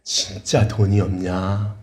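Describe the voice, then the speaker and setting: A pastor doing a stern, calm Lord who asks slow, probing questions in a lowered voice. The words land slowly and deliberately, ringing in an echoey church hall. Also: male voice. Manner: slow, low, pointed questions.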